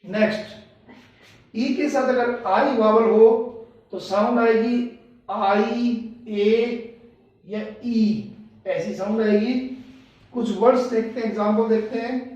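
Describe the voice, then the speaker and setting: A woman's voice: a little high, fairly even intonation, a little mellow. A woman teaching English pronunciation, spelling each word letter by letter before saying it. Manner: spells words letter by letter, then says them slowly. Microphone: far from the mic. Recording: distant, echoey, dull room sound.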